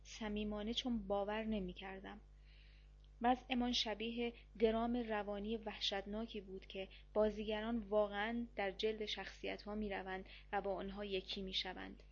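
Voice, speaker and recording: A woman's voice: mid-range voice, level tone, highs cut off. Woman narrating a dramatic novel. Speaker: audiobook narrator. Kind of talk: dramatic first-person novel reading.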